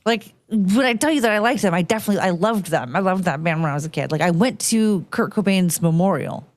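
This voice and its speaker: A woman in her thirties, casually chatting on a late-night show and telling an animated, ranting story. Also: lowish voice, fast talker, dry recording. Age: 30s.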